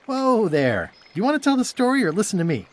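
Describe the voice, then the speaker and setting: A man's voice: high-pitched, fast. A man voicing an eager, wry, good-natured pirate adventurer in a video game. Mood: wry storytelling. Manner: animated, wry.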